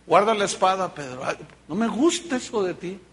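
A man's voice: sits high, expressive, moderate pace, fairly bright tone, slight background noise. A man voicing Jesus as a firm, fatherly teacher correcting a disciple. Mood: scolding. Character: Jesus, patient stern male teacher correcting.

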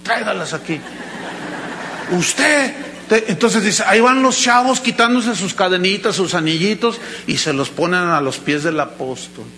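A man's voice: high-pitched, moderate pace, sharp tone, a little hiss or hum, poor audio. A man preaching a sermon, telling stories animatedly and acting out the voices of the people he quotes. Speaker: pastor.

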